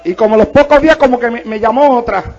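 A man's voice: very high voice, quick pace, a little mellow, muffled recording, some chatter behind. A male pastor, preaching a fervent sermon full of praise interjections.

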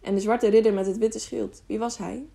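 A woman's voice: mid-range voice, moderate pace, gravelly, lightly acted. A woman doing an eager, curious young boy. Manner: lively, eager, sometimes whispering excitedly.

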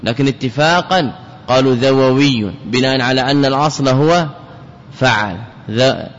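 A man's voice: mid-range voice, moderate pace, fairly bright tone. A man teaching classical Arabic grammar as a scholar, repeating key words and putting questions to his students. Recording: dull lo-fi recording with long hall reverb.

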